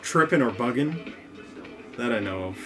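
A man with a New York accent chatting casually on a game stream, reading out a list of slang in a relaxed, halting way. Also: music in the background. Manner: relaxed, reads aloud haltingly, low mumbled asides.

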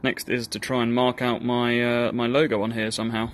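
A man's voice: medium pitch, flat delivery, fairly quick, a little hiss or hum. A Northern Irish man giving casual, self-deprecating narration of a workshop build, with plenty of ums and uhs. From Northern Ireland. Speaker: hobby blacksmith.

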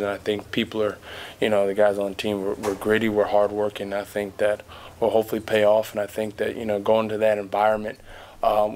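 A young man, a college basketball player, giving measured, steady answers at a postgame press conference, seated at a table mic. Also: on the low side. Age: young adult. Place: press conference room in front of a backdrop.

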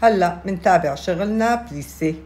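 Female craft instructor, Levantine Arabic accent, slightly low pitch, casual and instructive, repeats steps. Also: lively intonation, a little fast, darkish tone. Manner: instructive, repeats key steps, checks in with listeners. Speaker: knitting instructor. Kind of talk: casual step-by-step craft tutorial. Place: indoors at a table, hands-only camera view.

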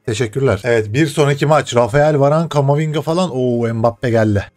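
A young man playing a football video game, commenting live, often cursing and yelling at the game. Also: medium pitch, a little fast, faint music behind. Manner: frustrated swearing, shouts at the game. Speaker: gaming streamer.

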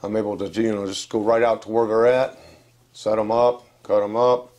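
Older man, low easygoing voice. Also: little pitch movement, normal speed, darkish tone. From West Virginia. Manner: plain-spoken, rambling, many fillers and restarts. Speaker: channel host. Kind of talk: casual update to camera. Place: indoor room with wooden furniture. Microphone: lapel mic.

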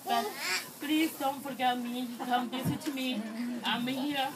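Preschool teacher, female, native Spanish speaker with a thick accent and halting English, heard through heavy noise. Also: high-pitched, fairly even intonation. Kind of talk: informal speech to parents and children. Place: outdoor daycare play yard. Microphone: handheld phone camera a few metres away. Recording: noisy, distant phone video.

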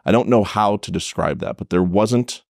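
A man's voice: on the low side, normal speed, vocal fry, a little mellow, no echo, studio quality. A man who is a police officer, telling a story in a casual podcast interview, blunt and profane, with frequent restarts.

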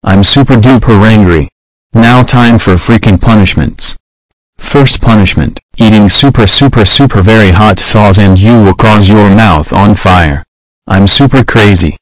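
A man voicing a furious male horse toy, a hot-headed bully who yells, growls and laughs manically. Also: lowish voice, a little slow, no room sound, poor audio.

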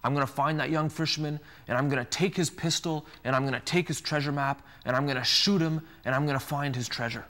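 A priest acting out a greedy, menacing male pirate who growls "arr" and rattles off quick threats while telling a story in a sermon. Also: a little high, steady tone, bright, forceful tone, long reverb tail. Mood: gloating.

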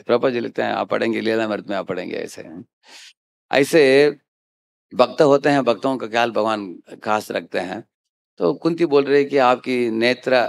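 A man's voice: lowish voice, creaky. A man giving a conversational scripture lecture as a preacher, often checking in with listeners. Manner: conversational, frequent "hain?" prompts to listeners.

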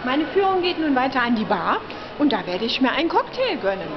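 Her voice high-pitched, very animated and fairly quick, a vlogger in her thirties shows off a hotel to a handheld camera amid a busy restaurant and bar. She chats politely and showily like a presenter. The camera captures dull sound and a loud crowd.

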